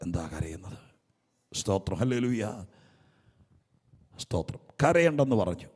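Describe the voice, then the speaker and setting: A man preaching a Pentecostal sermon, moving between hushed asides and shouted peaks and repeating phrases back to his congregation. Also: lowish voice, big pitch swings, unhurried. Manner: call-and-response, swings from hushed to shouting. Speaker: pastor. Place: church hall. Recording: reverberant church hall.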